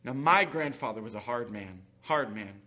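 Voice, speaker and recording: A man's voice: mid-range voice, expressive, moderate pace, bright, forceful tone. A man preaching a sermon in an earnest, folksy way, sometimes acting out quoted voices. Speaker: guest preacher.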